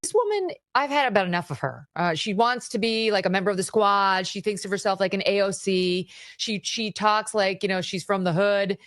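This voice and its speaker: A woman's voice: medium pitch, brisk, few pauses, fairly bright tone, no echo. Sarcastic woman panelist, dry sound. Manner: sarcastic, exasperated. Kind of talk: exasperated TV commentary.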